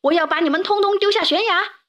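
A woman's voice: extremely high pitch, fast talker, a bit bright, highs cut off, voice pushed up. A woman voicing a huge, mean male giant in a storybook, bellowing boasts. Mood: menacing.

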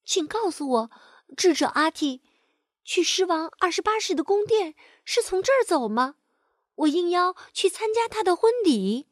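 A woman's voice: extremely high pitch, sing-song, normal speed, no echo, clean studio sound, pitched above the performer's own voice. A woman voicing a small, ordinary male tortoise who talks politely but will not give up. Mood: earnest. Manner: polite and quietly determined.

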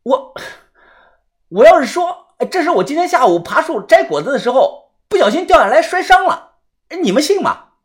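A man voicing a cocky, hot-tempered young Taoist man who swaggers, curses and shouts. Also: very high voice, big pitch swings, moderate pace, voice pushed up. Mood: hesitant.

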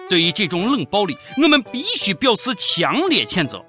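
A man with a Shaanxi accent narrates satirical news as a comedy host. His voice is bright and very animated, theatrical and exclamatory, over a music bed. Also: high voice, moderate pace. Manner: theatrical mock outrage, exclamatory.

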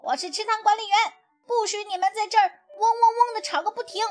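A woman voicing a bossy, self-important duck who guards a pond and shouts orders in a picture-book reading. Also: very high voice, steady tone, fairly quick, soft background music, voice pushed up. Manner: loud scolding commands.

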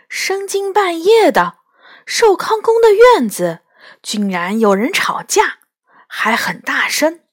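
A woman narrating a children's story in first person, with lively, expressive delivery. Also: high-pitched.

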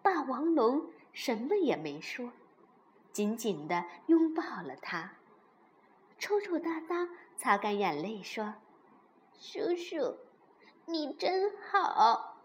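A woman reading a children's story aloud in an expressive, animated way. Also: fairly high pitch, slow, slight background noise.

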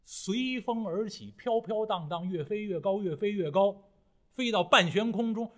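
A man telling a traditional Chinese story in a dramatic, rhythmic, expressive way. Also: high-pitched, a little slow.

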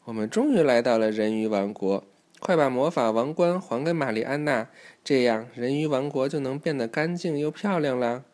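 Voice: mid-range voice, animated, moderate pace, darkish tone, slight background noise. A parent reading a children's story aloud to a child, in an instructive way with questions to the listener.

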